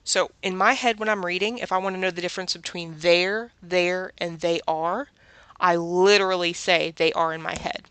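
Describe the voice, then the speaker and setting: A woman's voice: fairly low pitch, steady tone, normal speed, fairly bright tone, clear, resonant tone, no room sound. A woman with a Southern US accent teaching a children's reading lesson, patiently asking questions and answering them herself.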